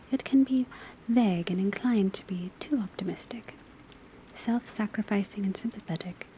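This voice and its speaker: Rain on a rooftop, a crackling fireplace and pencil writing fill the steady background as a woman whispers softly and breathily in a medium pitch. Playing an astrology class teacher for ASMR, she lectures in a deliberate, measured, instructive manner.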